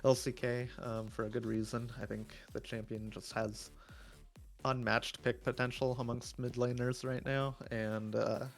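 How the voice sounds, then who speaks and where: A man giving live esports draft analysis, chatty and opinionated with many fillers, his voice going hoarse. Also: medium pitch, little pitch movement, measured pace, soft background music. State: losing his voice.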